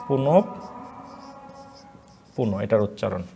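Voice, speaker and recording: A man from Bangladesh, a college Bangla lecturer, teaching pronunciation in an online class, repeating each word slowly and asking and answering his own questions. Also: on the low side, vocal fry, dark tone.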